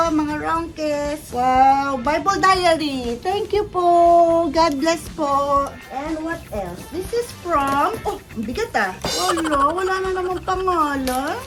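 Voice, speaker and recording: A woman's voice: sits high, a bit bright. A middle-aged woman with a Filipino accent chatting effusively while unboxing gifts, switching between English and Tagalog. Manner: effusive, mixes English and Tagalog, thanks gift-givers. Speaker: vlogger. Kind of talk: casual unboxing chat.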